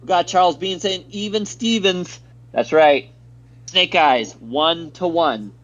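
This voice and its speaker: A man's voice: on the high side, slow pace, fairly bright tone, highs cut off. An American man doing live play-by-play commentary on a stream, reading viewer chat aloud between plays in an upbeat way.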